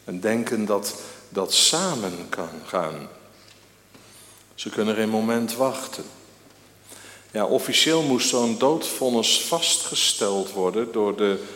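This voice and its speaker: Man preaching, slow deliberate delivery, loud emphatic peaks, roomy church reverb, faint hiss. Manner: rises to loud emphatic peaks, then drops low and slow. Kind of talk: sermon. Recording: echoey church hall with long reverb.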